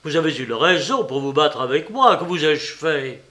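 A man's voice: fairly high pitch, expressive, moderate pace, bright, forceful tone. A man reading an audiobook, voicing an arrogant but frightened nobleman who blusters and pleads. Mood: scared pleading.

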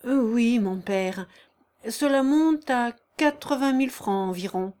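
A woman's voice: on the high side, lively intonation, measured pace, darkish tone. A woman voicing an earnest young man, a dutiful son answering his father politely and hesitantly.

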